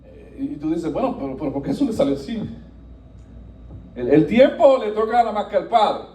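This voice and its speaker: A pastor with a high, mellow voice preaches briskly and animatedly, climbing to emphatic peaks and falling to soft, quiet passages. He sounds distant from the microphone in an echoey church sanctuary, with a little hiss or hum.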